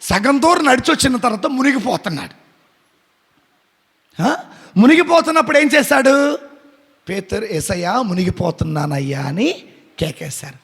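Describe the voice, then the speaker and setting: Man preaching, very high husky voice, question and answer with the congregation, long echo of a church hall. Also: very animated, normal speed, long pauses, a bit bright. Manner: acts out quoted speech in shifting voices. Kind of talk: sermon.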